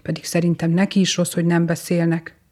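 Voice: medium pitch, completely flat delivery, a little mellow, close to an everyday voice. An adult reader voicing a young boy who earnestly writes a wistful Christmas letter.

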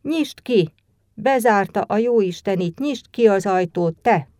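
A small boy putting on a drunken husband's rage, as a woman reading the tale gives him voice, bellowing high and loud in slurred, abusive bursts. The tone stays mellow and soft-edged. The reading is dry and close, with no room sound around it. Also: lively intonation, no room sound, lightly acted. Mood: drunken shouting. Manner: shouting, slurred, abusive outbursts.

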